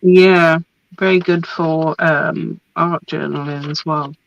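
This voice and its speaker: Getting a cold that's robbing her of her voice, a woman chats casually while showing craft papers, laughing plenty and trailing off into ums. She speaks slowly in a low, gravelly voice with fairly even intonation, and the recording sounds muffled.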